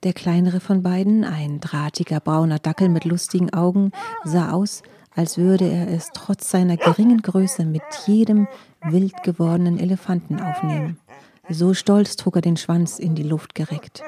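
A woman narrating a children's audiobook with expressive storytelling. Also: lowish voice, normal speed.

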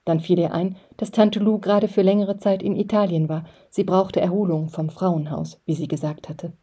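A woman reading an audiobook aloud in calm, measured first-person narration. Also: fairly low pitch, slightly rough. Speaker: reader.

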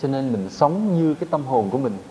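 A man's voice: mid-range voice, animated, a little fast, dark tone, slight background noise, poor audio. A man, a Buddhist monk giving a dharma talk to fellow monks, teaching in a plain conversational way with rhetorical questions.

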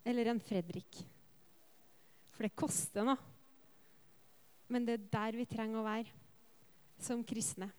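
A woman preacher giving an earnest sermon, telling lively personal stories and asking the congregation rhetorical questions. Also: a little high, long pauses, smooth. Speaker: preacher and worship leader.

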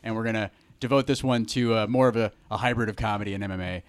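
A man's voice: fairly low pitch, fast talker. A young adult man hosting a casual podcast chat, laughing often and swearing casually. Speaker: podcast host.

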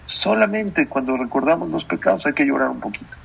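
A man preaches as a rabbi in a gravelly, husky voice that sits a little high. He is emphatic, repeats his phrases and keeps asking his listeners questions. The recording sounds dull and lo-fi. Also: lively intonation, a little fast. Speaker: rabbi, religious teacher. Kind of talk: sermon.

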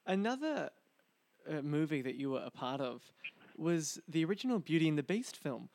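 A man's voice: a little high, sing-song, normal speed, darkish tone, dry recording. A man interviewing a voice actress, asking long, eager questions like an enthusiastic fan.

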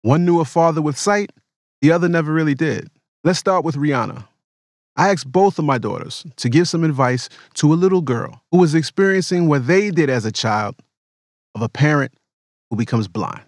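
A man hosting his own podcast, narrating his reflections in a calm, measured way and interviewing family. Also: a little high, dry recording, clean studio sound. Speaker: podcast host.

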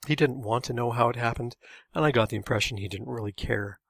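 A man's voice: mid-range voice, fast, gravelly, fairly bright tone, no room sound. A man reading a memoir in a dry, matter-of-fact scripted narration.

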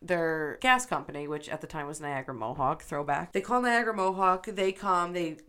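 Lower-voiced woman telling a spooky story. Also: normal speed, smooth. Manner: animated, profane retelling with quoted voices. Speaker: podcast co-host. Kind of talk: casual storytelling.

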